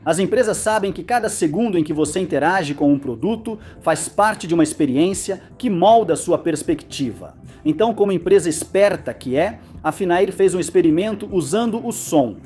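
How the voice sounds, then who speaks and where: Explainer narrator, medium pitch, animated delivery, light music underneath. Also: normal speed, hardly any pauses. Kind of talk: scripted educational narration.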